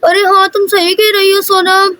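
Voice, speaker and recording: A woman puts on frightened little girls in a doll story, squealing and calling out in panic. Their voices are shrill and pitched very high. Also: flat delivery, moderate pace, dry recording. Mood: scared. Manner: squealing, panicky, shouting for mom.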